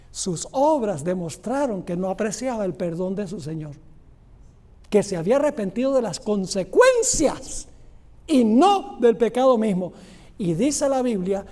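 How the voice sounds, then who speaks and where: A man preaching a sermon as a pastor, animated, acting out the people in a parable with sudden jumps in pitch.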